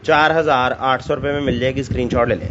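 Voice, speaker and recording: A man with a Pakistani Punjabi accent giving an informal live sales pitch, enthusiastic and repetitive like a teleshopping seller. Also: steady tone, fast. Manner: enthusiastic, repetitive teleshopping-style hawking with catchphrases. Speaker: live online seller of assorted stock. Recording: dull lo-fi audio with clear background noise.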